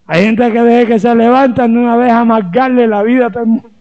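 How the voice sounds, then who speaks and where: A man's voice: very high voice, steady tone, fast talker, dull audio. A man from Colombia, a pastor preaching a sermon with humor and rhetorical questions.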